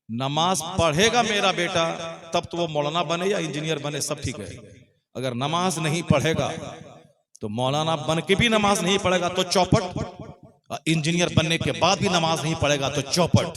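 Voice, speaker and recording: A man preaching a sermon at a public gathering, in words, asking the listeners questions and driving points home repeated lists. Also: a little high. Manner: rhetorical questions to the crowd, repetitive emphatic lists. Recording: live crowd audible behind the voice.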